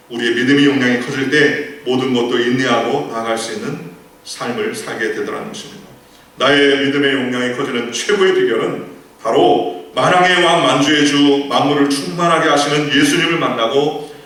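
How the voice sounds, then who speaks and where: A male pastor with a medium-pitched, slightly bright voice preaches a sermon, telling a story full of rhetorical questions and quoted lines. He's in a large church sanctuary, and the recording sounds echoey, as if captured from far off in the hall.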